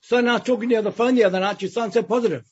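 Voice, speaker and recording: Husky high-voiced man telling a story. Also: steady tone, very fast. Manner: vivid storytelling, acts out quoted voices. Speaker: interview guest. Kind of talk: storytelling in an interview. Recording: dull lo-fi sound.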